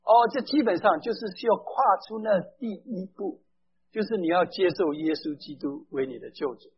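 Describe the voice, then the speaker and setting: A man's voice: high voice, lively intonation, moderate pace, a little hiss or hum. A man preaching a sermon, speaking emphatically, putting questions straight to his listeners and mixing in English phrases. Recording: dull lo-fi recording.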